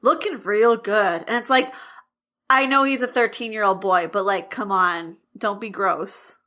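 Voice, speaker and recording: A woman's voice: mid-range voice, moderate pace, bright, forceful tone. A woman co-hosting a podcast, chatting casually about a book, blunt and exasperated, swearing freely. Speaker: podcast co-host. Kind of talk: casual book-discussion chat.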